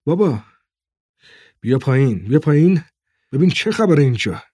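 A frightened little boy speaks in short, anxious questions, voiced by a man reading the story aloud. His voice sits a little higher than the reader's own and has a husky grain. The recording is dry and close. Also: big pitch swings, dry recording. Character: frightened young boy, quiet and timid.

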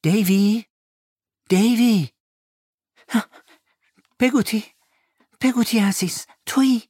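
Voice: mid-range voice, a little mellow, no room sound, pitched above the performer's own voice, natural voice. A man voicing a frightened young boy who pleads anxiously in an audiobook, with a dry, close sound.

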